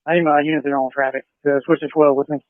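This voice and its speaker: A man acting as the officer in command on scene, giving brisk, clipped radio codes over a walkie-talkie. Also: on the high side, little pitch movement, no room sound. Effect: over a police walkie-talkie radio. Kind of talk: police radio traffic. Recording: tinny dry radio transmission.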